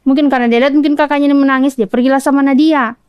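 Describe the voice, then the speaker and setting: Racing along in a high-pitched, steady voice, a woman from Kolaka shares a personal account during a podcast interview. She's a mother with a Southeast Sulawesi Indonesian accent who earnestly recounts events in detail. The audio is dull, with no room sound.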